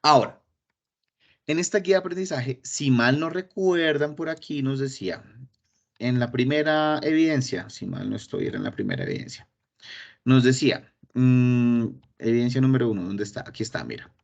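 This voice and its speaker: A man, an English teacher giving an online class on grammar and pronunciation, lively and repeating words for emphasis. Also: mid-range voice, normal speed, gravelly, highs cut off. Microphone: computer mic in an online session.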